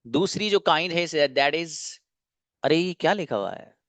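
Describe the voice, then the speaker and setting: Brief: male online teacher, smooth resonant voice, dry close mic, repetitive drilling delivery. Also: on the high side, lively intonation, measured pace, a bit bright, dry recording. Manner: repeats patterns in a drilling rhythm, asks and answers his own questions. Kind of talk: online class lecture.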